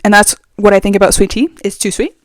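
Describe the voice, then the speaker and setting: A young woman talks casually to her viewers, opinionated and chatty with lots of fillers. She sits right up on the microphone, so her voice sounds dry and intimate with no room around it. Her pitch sits in the middle for a woman. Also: steady tone, fast, no echo. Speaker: vlogger. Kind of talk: casual chat. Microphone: very close to the mic.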